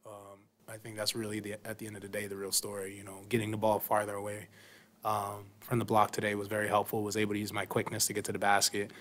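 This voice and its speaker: A relaxed young man answers reporters' questions after a game. He speaks into a desk mic in a press room. His voice sits a little low, and he talks thoughtfully, filling his pauses with "um" and "you know.". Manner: relaxed, thoughtful, many fillers. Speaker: basketball player at a postgame press conference. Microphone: desk microphone.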